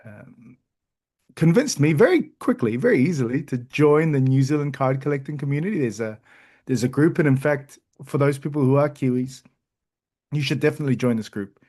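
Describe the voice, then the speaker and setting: A man co-hosting a card collecting podcast, telling stories in an enthusiastic, animated way. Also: medium pitch, fairly quick. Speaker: podcast co-host. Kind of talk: casual chat.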